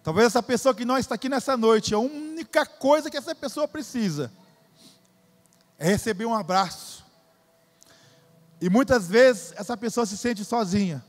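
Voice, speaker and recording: A man's voice: very high-pitched, moderate pace, pauses often, big-room sound. A Brazilian man preaching a sermon, emphatic and repetitive, calling the congregation "dear". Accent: Brazilian Portuguese. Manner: emphatic, repeats phrases, addresses crowd as "querido". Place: church.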